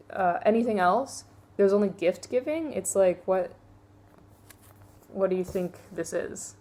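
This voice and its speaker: Young woman, casual vlog book review, mid-pitched, candid and chatty with frequent fillers. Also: a little mellow.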